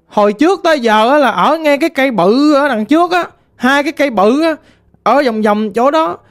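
A woman voicing the vengeful ghost of a murdered teenage girl, pleading slowly in a Southern Vietnamese accent. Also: high voice, lively intonation, voice pushed up. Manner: pleading, slow and plaintive.

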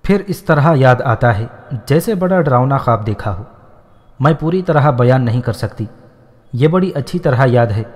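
A man's voice: mid-range voice, a little mellow, natural voice. A man reading as an innocent, witty young woman. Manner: simple, artless speech with quick wit. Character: innocent, playful young woman raised by an elderly scholar. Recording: long hall reverb.

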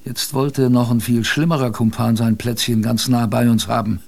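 In this radio drama, a man voices a wry, plain-spoken sailor recounting his expedition directly to the listener in a chatty, colloquial first-person narration. His mid-range voice is darkish with vocal fry, level in tone, and moves at a moderate pace. There's a faint ambience in the background.

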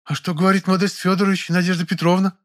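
A fussy older housekeeper, doting and quick to take alarm, as a male narrator puts her on. She laments and rattles through her words in a raised, higher voice. It is a storybook voice with a fretful edge. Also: little pitch movement, a bit bright. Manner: lamenting, rapid patter.

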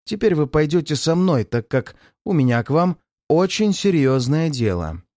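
Man voicing a calm detective, firm, measured, dry close sound. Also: a little high, dry recording. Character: calm, resolute male detective.

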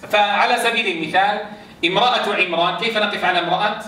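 A man's voice: sits high, fast talker, bright, forceful tone. Male Quran teacher, quizzes a live class, recorded from a distance in a room with strong echo. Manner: quizzes students, chants verse examples. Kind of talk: recitation rules lesson to a class. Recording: roomy echo, distant mic.

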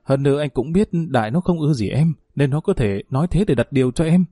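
A man's voice: medium pitch, expressive, fairly quick, dark tone, slightly rough, no echo, studio quality. A man voicing a scheming young stepmother who pleads and defends herself in a spoken family drama. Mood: defensive, pleading.

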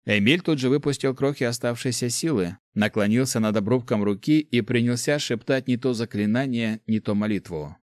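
A man narrating a fantasy audiobook in a measured, even reading. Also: mid-range voice, no echo, clean studio sound.

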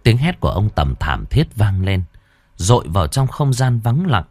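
A man narrating a horror story slowly and expressively. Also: on the low side, very animated, a little mellow.

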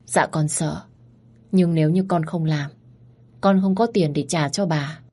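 A woman's voice: low-pitched, unhurried, warm tone. A woman voicing a timid young servant girl who speaks meekly and pleads. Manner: meek, pleading.

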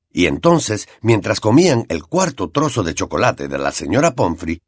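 A man reading a novel aloud with expressive storytelling. His voice is low-set and lively with a slightly husky grain, recorded close and dry. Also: no echo. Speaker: audiobook narrator. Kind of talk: scripted narration.

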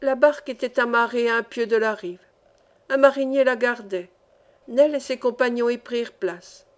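A woman reading an adventure novel aloud in steady, expressive scripted narration. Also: on the high side, normal speed. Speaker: audiobook reader.

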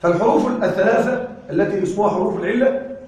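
A man teaching Arabic grammar in a classroom lecture, lively, often asking his students questions and answering them himself. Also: high voice, quick pace. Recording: echoey room, from far off.

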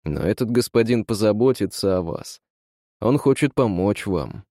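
A man voicing a calm, reassuring gentleman who speaks steadily in a read-aloud story. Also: fairly low pitch, moderate pace, dry recording, clean studio sound. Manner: soothing, steady.

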